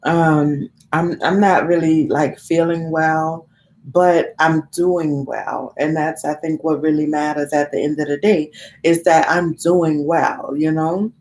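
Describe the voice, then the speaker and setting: Speaking slowly in a low, steady, darkish voice, a congested vlogger in her thirties talks to viewers on her live stream. She's candid and rambling, and swears casually.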